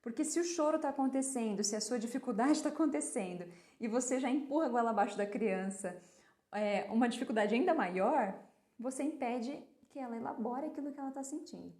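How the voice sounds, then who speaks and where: A parenting educator talks casually on a live stream about raising children, regularly posing questions and answering them herself and acting out gentle conversations with a child. Her voice is on the high side, expressive and brisk, with a roomy sound.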